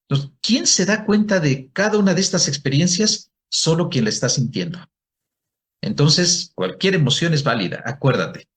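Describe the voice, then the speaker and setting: A man's voice: a little high, animated, moderate pace, a bit bright. A male psychologist giving a workshop to an audience, asking questions and answering them himself. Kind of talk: presentation talk to an audience.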